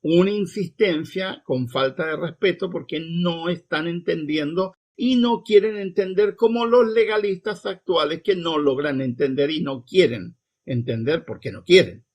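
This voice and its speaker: Gravelly-voiced man preaching slowly. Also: fairly high pitch. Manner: emphatic, scolding repetition; reads quoted lines slowly and deliberately. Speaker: preacher and Bible teacher. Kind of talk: sermon reading and commenting on scripture.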